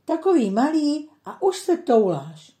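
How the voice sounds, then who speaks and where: A woman voicing a kindly old grandfather in a storybook reading, gentle and teaching. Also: sits high, very animated, roomy sound, pitched above the performer's own voice. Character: kindly old grandfather telling children stories.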